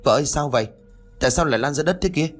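A man's voice: fairly low pitch, a little fast, soft background music, natural voice. Hot-headed young husband, brusque and scolding, man voicing him. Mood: irritated. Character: skeptical young husband, quick-tempered.

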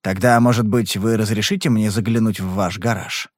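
A man voicing a calm, persistent male private detective in an audiobook, questioning in a blunt, probing way. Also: on the low side, moderate pace, dry recording, clean studio sound, natural voice.

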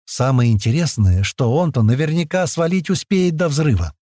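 A man narrating a first-person audiobook in a lively, slangy, conversational way. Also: on the high side, moderate pace, dry recording, studio quality.

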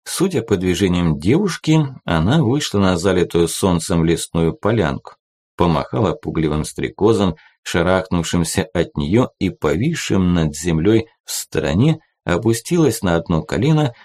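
Audiobook narrator, man, very low voice, lively intonation. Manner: expressive, storytelling. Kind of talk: scripted narration.

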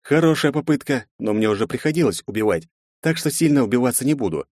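A man narrating a fantasy audiobook, voicing a detached male wizard who answers flatly. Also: medium pitch, fast talker, dry recording, pitched above the performer's own voice, lightly acted. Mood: cool. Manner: detached, dry. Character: cool, dispassionate male wizard.

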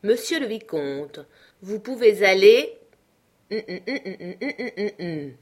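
A woman's voice: mid-range voice, expressive, measured pace. Cool ironic country doctor in a storybook reading, read by a woman, dry and mocking, unruffled.

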